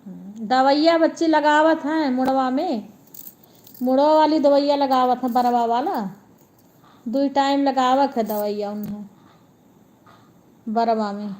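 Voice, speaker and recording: Slow, high-voiced homely woman chatting. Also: darkish tone. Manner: chatty, homely, repeats herself. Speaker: live-stream host. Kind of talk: casual live-stream chat with viewers. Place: at home, lying down.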